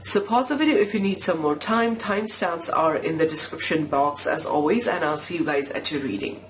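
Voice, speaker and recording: In a low-quality recording with a little hiss or hum, a low-voiced woman briskly talks through a casual pick-a-pile tarot reading. She has a cold that makes her sound nasal, and she is chatty, apologetic, and heavy on fillers.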